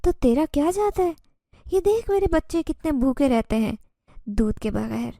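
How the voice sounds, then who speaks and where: A woman's voice: high-pitched, sing-song, gravelly, warm tone, dry recording, studio quality, pitched above the performer's own voice, full character voice. A woman voicing a pleading jinn mother. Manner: strange tone, familiar and coaxing. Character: homeless female jinn mother, pleading, eerie.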